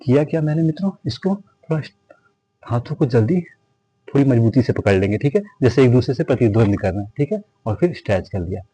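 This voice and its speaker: A yoga instructor speaking with a Hindi accent leads his class briskly, his mid-range voice warm, slightly rough, and lively in intonation. Repeatedly addressing viewers as friends, he counts breaths and encourages them to go easy, resting rather than straining when tired. The audio quality is poor.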